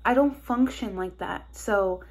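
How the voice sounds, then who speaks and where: Young woman vlogging on her phone, all stuffed up and nasal, kinda breathy, nervous and rambly. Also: mid-range voice, unhurried, darkish tone. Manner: anxious, rambling with many "like"s. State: stuffed-up nose. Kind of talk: casual personal vlog. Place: car and hospital hallways, on the move.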